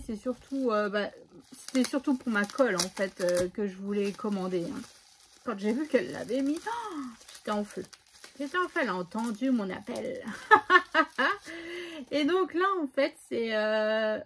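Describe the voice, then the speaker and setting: A woman's voice: a little high, slight background noise. Chatty woman, lots of fillers. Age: adult, has a son. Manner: chatty, hesitant, many fillers. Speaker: scrapbooking vlogger. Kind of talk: casual haul chat.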